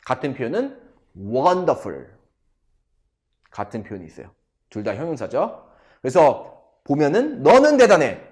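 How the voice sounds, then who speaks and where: Lively, slow-paced male English teacher. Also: fairly high pitch. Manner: drills sentences slowly, addresses viewers directly. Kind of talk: English grammar lesson.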